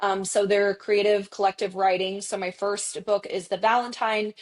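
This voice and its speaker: A woman's voice: mid-range voice, flat delivery, normal speed. A woman in her thirties talking as an interview guest in a casual, chatty, self-deprecating way, with frequent fillers. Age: 30s. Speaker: guest executive.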